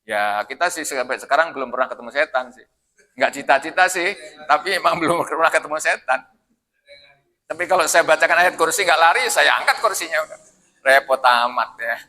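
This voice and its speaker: Male preacher, fairly high voice, very bright tone, animated storytelling sermon. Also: fairly quick. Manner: lively storytelling, addressing listeners directly. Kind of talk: mosque sermon. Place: mosque.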